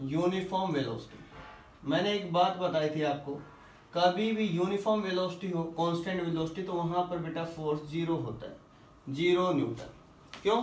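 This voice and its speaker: High-voiced male physics teacher in echoey room. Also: recorded from a distance. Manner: asks the class questions and answers them himself, calls students "beta"; reads English questions slowly, then explains in Hindi. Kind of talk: classroom lesson, solving quiz questions. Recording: echoey room, voice a little off-mic.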